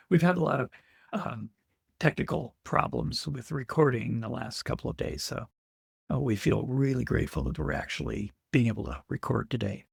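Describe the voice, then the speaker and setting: A man with a gravelly, creaky voice co-hosts a relaxed podcast conversation. He thinks aloud as he talks and searches for the right words. The sound is close and dry. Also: mid-range voice, dry recording. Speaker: podcast co-host.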